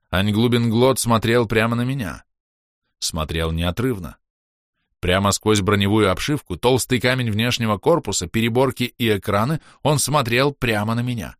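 A man narrating a first-person fantasy audiobook in a lively, expressive way. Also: fairly low pitch, no echo, studio quality.

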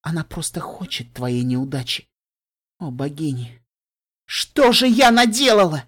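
A man doing a slow, sly talking houseplant. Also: fairly high pitch, sing-song, a bit bright, voice pushed up, exaggerated voice. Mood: insinuating. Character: whispering potted plant, sly inner doubter. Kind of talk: fan audiobook reading.

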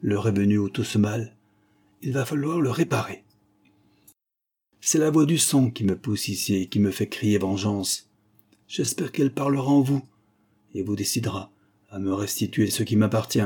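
A man voicing a menacing masked male avenger, hoarse, hissing and imperious as he makes his threats. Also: fairly low pitch, moderate pace, long pauses, darkish tone.

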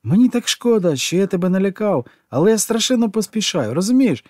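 A man voicing an excitable, warm-hearted famous storyteller who pours out question after question in an audiobook. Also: mid-range voice, dry recording, clean studio sound, voice pushed up, close to an everyday voice. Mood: gushing. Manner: gushing, rapid stream of questions.

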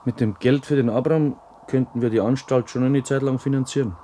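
A man playing Volker, a dark-voiced dour villager. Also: mid-range voice, fairly even intonation, fairly quick, a little hiss or hum, close to an everyday voice. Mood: grumbling. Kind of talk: radio play acting.

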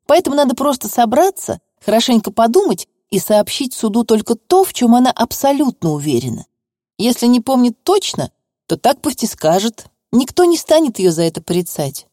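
A woman's voice: a little high, big pitch swings, moderate pace, warm tone, no echo. Woman reading a novel, dry close sound. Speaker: narrator. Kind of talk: audiobook reading.

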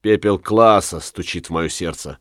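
A man's voice: deep voice, moderate pace, fairly bright tone, no room sound, voice pushed down. Man reading young hero, fiery, accusing, dry, storybook. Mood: heated. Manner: heated accusing. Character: young male folk hero, bold and fiery.

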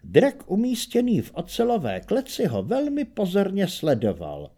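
Lively male audiobook narrator. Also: sits high.

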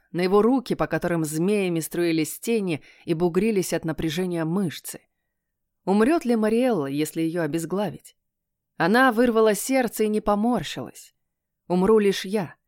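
A woman narrating a first-person fantasy audiobook in a hushed, tense storytelling manner. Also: on the low side, no room sound, clean studio sound.

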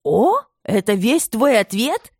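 A woman voicing an imperious, domineering aristocratic mother who scolds in a shrill, commanding tone. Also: very animated, moderate pace, a little mellow, no echo, studio quality. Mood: furious.

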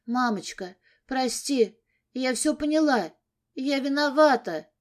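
A tearful, impulsive teenage girl, voiced by a woman reading an audiobook, pleads and apologizes in a raised, high voice. The voice sounds audibly higher than the narrator's own. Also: animated, slow. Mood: pleading, tearful.

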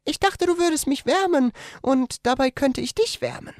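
A man voicing a shy, gentle young woman in a strained high falsetto, speaking softly like a lover in a read-aloud story. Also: animated, normal speed, dry recording, studio quality. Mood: tender.

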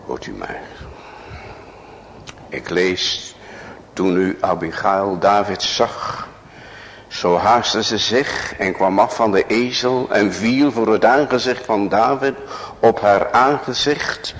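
A male pastor preaching a sermon in a church, swinging from loud cries to hushed whispers and asking many rhetorical questions. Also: on the low side, lively intonation, takes it slowly, big-room sound, slight background noise.

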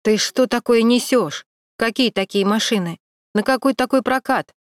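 A woman's voice: on the high side, moderate pace, dry recording, clean studio sound, voice pushed up, close to an everyday voice. A woman voicing a nervous male security guard who mumbles, pleads and dodges.

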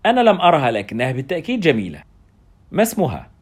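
A man voicing a loud, swaggering older American male professor who teases everyone around him. The voice booms and jokes. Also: wildly swooping pitch, rapid-fire, husky, exaggerated voice. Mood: booming, jovial. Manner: loud, booming, teasing.

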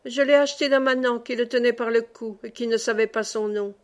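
A woman reading as a rough medieval huntsman. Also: on the high side, steady tone, a little fast, close to an everyday voice. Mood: matter-of-fact. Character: rough medieval male huntsman calling hounds.

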